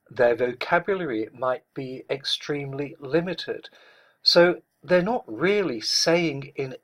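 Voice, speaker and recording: Male speech coach, slow and husky, deliberate, clearly stressed delivery. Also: mid-range voice. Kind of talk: instructional talk.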